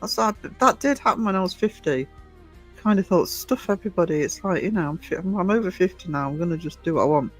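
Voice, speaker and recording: A woman's voice: lowish voice, lively intonation, quick pace, soft background music. Chatty woman in her fifties. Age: 50s. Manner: rambling, chatty, chuckles often. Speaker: livestream host. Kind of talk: casual livestream chat with viewers.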